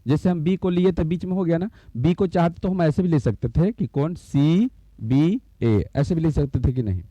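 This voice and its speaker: A man's voice: a little high, moderate pace, warm tone, no room sound. A man teaching a school maths lesson. He repeats each term and keeps asking the class whether they have understood. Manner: repeats terms and checks understanding with questions. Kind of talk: slow blackboard lesson explanation. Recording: dull, lo-fi recording.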